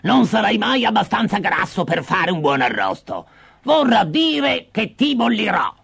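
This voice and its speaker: A man's voice: sits high, very animated, a little slow, creaky, fairly bright tone, breathy edge, pitched above the performer's own voice, full character voice. A man voicing a cruel old female witch in a storybook reading, shrieking and gloating. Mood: whining.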